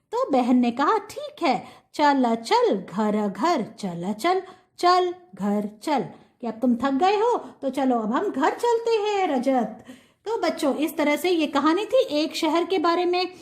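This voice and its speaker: A woman kindergarten teacher telling a story and reciting a poem for children, sounding out words in a slow sing-song way. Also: high-pitched.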